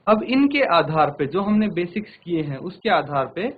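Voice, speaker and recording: A man's voice: high voice, very animated, moderate pace, narrow, tinny audio, slight background noise. A man teaching a televised maths class in Hindi-accented speech, patiently addressing children and repeating each step.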